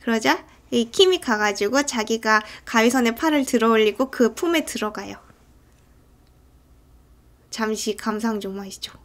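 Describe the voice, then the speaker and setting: A woman's voice: a little high, a little slow. A woman casually retelling a film's story scene by scene, in a chatty way that often breaks into acted character lines. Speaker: film recap narrator. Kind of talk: casual movie recap narration.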